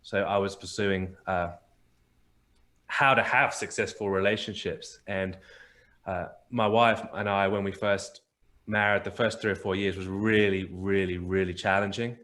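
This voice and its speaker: A man's voice: sits low, fairly even intonation, unhurried, fairly bright tone. A man on a podcast as a guest, earnestly telling a personal story and often repeating words as he restarts phrases.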